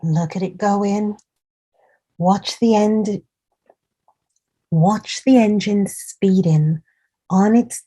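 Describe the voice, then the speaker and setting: Reading a picture book to small children without hurrying, this woman has a mid-range voice that is mellow and slightly husky. Like a storytime host, she encourages her young audience with asides that point out details.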